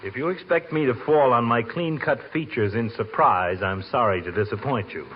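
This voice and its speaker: A man's voice: mid-range voice, moderate pace, natural voice. Man acting a sardonic pompous doctor, old radio. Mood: mocking, exasperated. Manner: pompous, dry wit, ornate wording. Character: sardonic, wordy doctor trading insults. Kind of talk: 1940s radio comedy acting. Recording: noisy, muffled 1940s radio recording.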